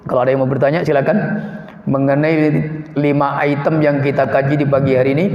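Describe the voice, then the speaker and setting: A man's voice: on the high side, a little mellow. A male preacher giving a mosque sermon, explaining Arabic phrases simply and often turning to the listeners as "Pak". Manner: keeps addressing listeners as "Pak". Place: mosque hall. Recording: echoey muffled hall recording.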